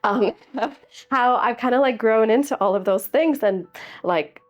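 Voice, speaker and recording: With faint music in the background, a woman in her early thirties reflects on interview questions at a measured pace. Her fairly high voice carries an earnest, considered tone, peppered with filler words.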